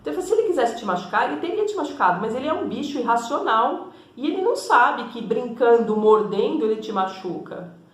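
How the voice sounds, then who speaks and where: Higher-voiced woman teaching in an echoey room. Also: big pitch swings, fairly quick. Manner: explanatory, conversational, frequent tag questions. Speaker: energy and spiritual therapist. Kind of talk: teaching monologue to camera.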